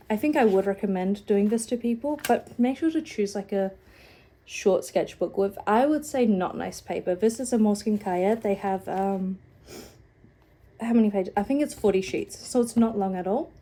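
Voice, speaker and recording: A woman's voice: medium pitch, normal speed, mellow. A young woman with a cold, nasal and sniffling, chatting casually and rambling about her sketchbook into a phone at home. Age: young adult. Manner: rambling, many "like"s, self-deprecating. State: sniffling, a bit out of breath. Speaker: art vlogger. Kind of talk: casual chat.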